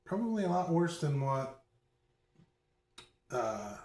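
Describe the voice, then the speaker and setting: Man, host, casual chat, soft-spoken, teasing, distant phone, echoey room. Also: a little high, big pitch swings, takes it slowly. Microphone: phone across the room, no mic.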